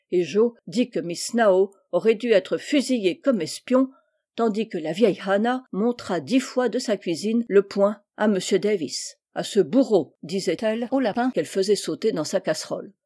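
A woman reading a classic novel aloud as an audiobook, with even storytelling delivery. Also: medium pitch. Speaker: audiobook reader.

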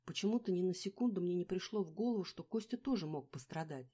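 A woman reading a novel aloud in the first person, with a steady, measured delivery. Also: on the low side, breathy edge. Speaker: audiobook narrator. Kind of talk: first-person scripted narration.

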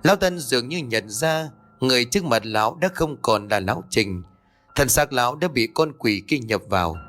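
A man reading a scripted horror story in a steady, suspenseful way. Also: medium pitch, moderate pace, soft background music.

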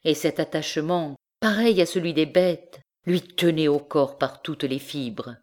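A woman narrating a classic novel as an audiobook, reading in a slow, measured way. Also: sits low, a little mellow. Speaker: audiobook reader.

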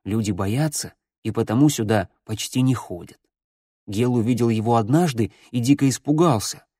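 A man reading a first-person dark story aloud in an expressive, dramatic way. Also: medium pitch, dry recording, clean studio sound. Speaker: audiobook narrator.

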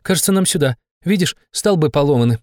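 A man's voice: a little high, expressive, quick pace, darkish tone, no echo, clean studio sound, voice pushed up, lightly acted. A man voicing a bossy red-haired young female aristocrat mage with a haughty, commanding manner.

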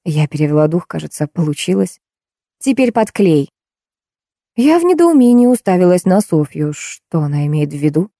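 Low, dark-voiced woman narrator. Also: fairly quick, hardly any pauses, no room sound, studio quality. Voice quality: steady, storytelling. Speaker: audiobook narrator. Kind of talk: first-person audiobook narration.

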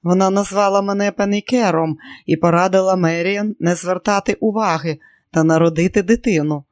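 A steady, sorrowful older doctor delivers hard news in a measured way, as voiced by the audiobook's reader. The sound is dry and close. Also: medium pitch, dry recording, close to an everyday voice. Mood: regretful. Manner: measured, regretful.

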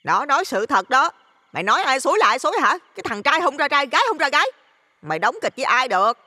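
A man voicing a shrill, brawling middle-aged mother who shouts insults, with a Southern Vietnamese accent. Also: sing-song, quick pace, in a large hall, full character voice. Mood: furious.

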